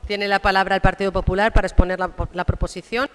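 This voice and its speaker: A woman's voice: mid-range voice, steady tone, fast talker, smooth. A woman with a Spanish accent from Spain chairs a district council meeting and answers with a firm, indignant rebuttal. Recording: long reverb of a council hall.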